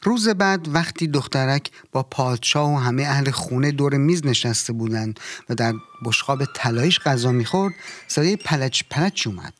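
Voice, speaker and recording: Calm man reading a fairy tale. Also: mid-range voice, slight background noise. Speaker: translator-narrator. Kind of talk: storybook reading.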